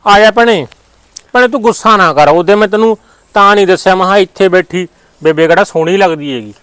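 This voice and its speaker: A man playing a son who calms his sister and his wife in a family short film. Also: sits high, quick pace, smooth. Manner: soothing, placating. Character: peacemaking son and brother.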